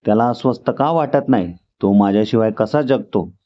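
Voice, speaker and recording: Male story narrator, lowish voice, steady read, dull muffled recording. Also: moderate pace.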